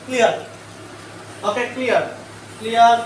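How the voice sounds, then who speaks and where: A man's voice: very high-pitched, moderate pace, far from the mic. A male teacher giving a live online grammar lesson. He keeps quizzing the class with repeated questions and then answers them himself. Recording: echoey room, away from the mic, faint noise.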